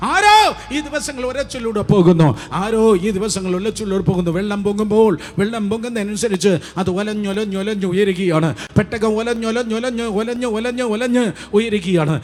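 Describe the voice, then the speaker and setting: High-pitched guy preaching, says everything twice or three times, gets loud then drops low, a bit of music underneath. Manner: repetitive, rising to loud declarations then dropping low. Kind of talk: sermon.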